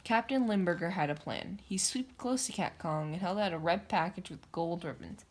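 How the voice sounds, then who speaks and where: With a fairly low-pitched voice at normal speed, a female storybook reader narrates a children's picture book in a theatrical, emphatic style. The delivery is dramatic throughout.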